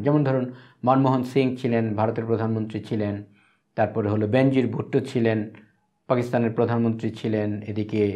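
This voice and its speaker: A teacher, a man with a voice of ordinary middle pitch, talks through a text at an unhurried classroom pace. He reads out English phrases slowly, then breaks them down piece by piece. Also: darkish tone. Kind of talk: Bengali lecture explaining an English text.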